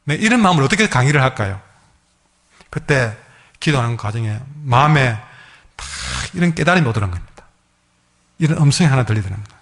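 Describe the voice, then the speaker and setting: A male pastor with a Gyeongsang accent, preaching a sermon as a lively storyteller who acts out the people in his stories. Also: mid-range voice, fairly quick, pauses often. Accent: Gyeongsang Korean. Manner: lively storyteller, acting out quoted dialogue.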